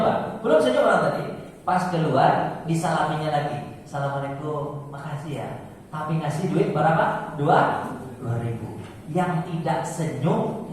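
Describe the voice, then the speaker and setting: A high-pitched male preacher tells stories to his congregation, turning to them as "sir" again and again. His voice rings through a large reverberant hall, picked up from a distance with faint room noise. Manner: storytelling, addressing listeners as "Pak" often, acting out voices. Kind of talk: short mosque sermon. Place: mosque hall.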